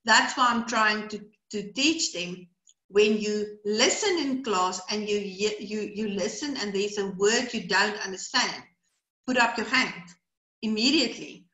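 This brain training educator, a middle-aged South African woman who grew up speaking Afrikaans, rambles through a video-call webinar, leaning on fillers and repeating words. She talks at a measured pace in a mid-range, sharp-toned voice. The webcam audio from her small indoor room is roomy and low quality.

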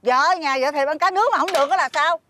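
A woman's voice: high-pitched, fast, pushed and bright, slight background noise. A woman with a Southern Vietnamese accent playing an older fisherman's greedy wife who scolds and makes demands. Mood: scolding. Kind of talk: fairy-tale drama acting.

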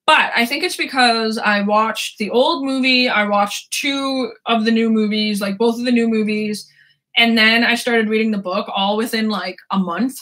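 Woman, twenties, book vlogger, casual rambling chat, frequent swearing, bright voice, somewhat high. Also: normal speed. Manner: rambling, swears often, laughs a lot. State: sore throat.

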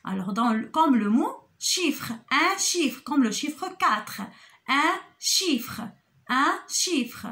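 A woman teaching a kindergarten phonics lesson, repeating sounds and syllables slowly and stressing each example word for young children. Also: high voice, very animated, bright, forceful tone. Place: school, recorded for an online lesson.

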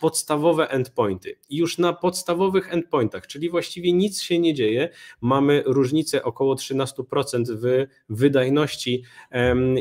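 Young male speaker, live coding demo from a small home room, relaxed, halting delivery. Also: mid-range voice. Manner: relaxed, many fillers and restarts. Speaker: conference speaker.

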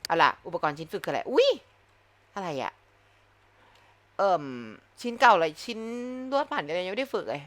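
A young woman casually commenting on her gameplay in an excitable, chatty way, with bursts of swearing. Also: fairly low pitch, moderate pace, pauses often. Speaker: game streamer.

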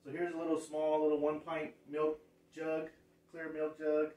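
A man's voice: a little high, completely flat delivery, moderate pace, mellow. Rambling man in an echoey room. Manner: rambling, restarts phrases, points out details. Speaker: thrift reseller showing a haul. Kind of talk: casual show-and-tell. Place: living room, indoors. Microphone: far camera. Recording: echoey room, far from mic.

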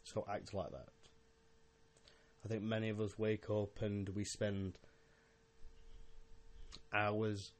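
Young male podcaster, lowish voice, mildly drunk, casual and halting rambling delivery. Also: flat delivery. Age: young adult. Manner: halting, rambling, with repeated words and swearing. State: a little drunk. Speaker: podcast host.

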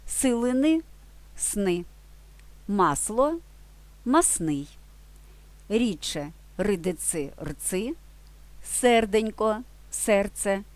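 A woman teaching a language lesson in a scripted video, slowly and clearly reading out word pairs. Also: mid-range voice, a little mellow, no echo.

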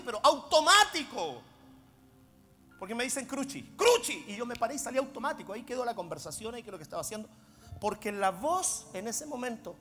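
A man preaching a sermon, swinging between loud emphatic declarations and low, intense asides. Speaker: apostle preaching. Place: church hall. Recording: long reverb of a large hall.

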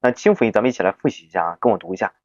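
A Chinese-speaking man teaching English phonics, explaining sound rules and drawing out example words slowly and patiently. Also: lowish voice, expressive, noisy background. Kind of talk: phonics lesson with drills. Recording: dull, muffled dry recording.

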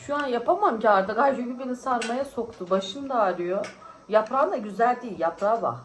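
A woman's voice: a little high, a little fast, a little hiss or hum, low-quality recording. A tired woman vlogging in casual, teasing chat with friends at a friend's home. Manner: chatty, teasing, often laughing.

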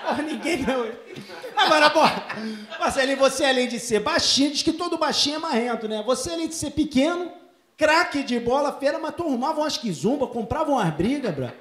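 A man telling a profane comic story as a host, bursting into shouts and mock broken English. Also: very high voice, lively intonation, a little fast, roomy sound. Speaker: comedian host. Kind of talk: stand-up storytelling. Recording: live audience laughing and reacting.

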